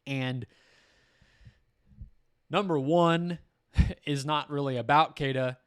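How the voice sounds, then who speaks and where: Young guy rambling about his team on a podcast, smooth voice, dry close mic. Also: on the high side, steady tone, takes it slowly, dry recording. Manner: chatty, self-deprecating, rambling with fillers. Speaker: podcast host covering a basketball team. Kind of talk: casual solo podcast commentary.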